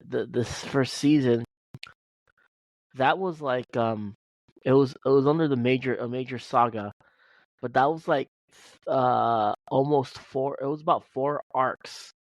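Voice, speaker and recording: A man's voice: mid-range voice, dry recording, rough recording. A man co-hosting a casual podcast, rambling with many restarts and fillers. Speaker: podcast co-host. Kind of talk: casual chat.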